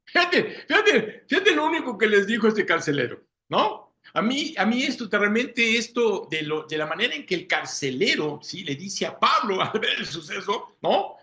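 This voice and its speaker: A man's voice: sits high, very animated, moderate pace, bright, forceful tone. A man preaching a Sunday sermon, often checking in with the congregation with rhetorical questions. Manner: asks listeners rhetorical questions, frequent "¿sí?".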